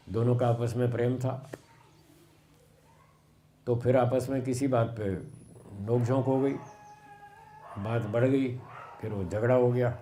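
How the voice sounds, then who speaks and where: A man giving a sermon on scripture, slow and explanatory, repeating phrases for emphasis. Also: medium pitch, mellow, slight background noise. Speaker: swami giving a Vedic discourse.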